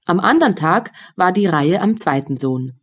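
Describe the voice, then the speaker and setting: A woman reading a fairy tale aloud for children as an audiobook narrator, in clear storytelling. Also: lowish voice, animated, unhurried.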